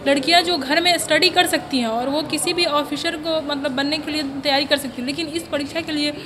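High-voiced woman explaining steadily. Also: fairly even intonation, a little fast, background noise. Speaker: police sub-inspector recruit. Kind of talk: interview answer. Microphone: handheld mic.

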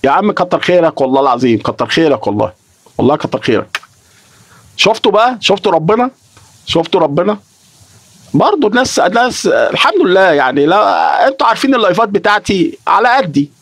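A man's voice: high-pitched, big pitch swings, fast, creaky, a bit bright, no echo. A young Egyptian man chatting on a live stream, emotional and repeating himself, swearing oaths as he talks. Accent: Egyptian Arabic. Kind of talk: casual live-stream chat.

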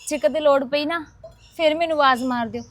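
A woman's voice: high voice, brisk, a bit bright. A woman playing a kind young neighbour who comforts an old woman in a reassuring tone. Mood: soothing. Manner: soothing, reassuring.

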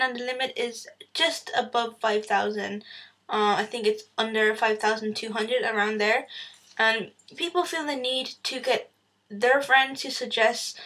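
A woman's voice: fairly high pitch, sharp tone, low-quality recording. A woman vlogger ranting casually and with exasperation about everyday annoyances, swearing freely.

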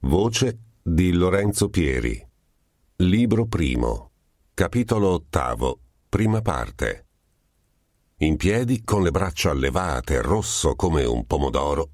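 A male audiobook narrator with a deep, low voice that moves lively up and down as he tells the story. The recording is dry and close, with no room sound. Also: measured pace, no echo. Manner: expressive storytelling. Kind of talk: scripted literary narration.

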